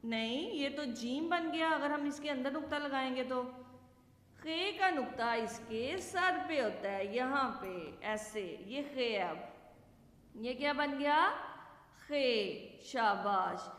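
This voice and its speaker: A woman teaching young children their letters, slow and patient, asking questions and then answering them herself. Her voice sits high. The recording is echoey, with a long reverb hanging on each word. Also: lively intonation, fairly bright tone. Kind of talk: children's alphabet lesson.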